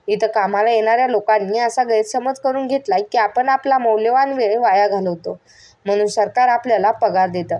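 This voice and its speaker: Woman reading a story in a high voice. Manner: voices every character herself, lively and expressive.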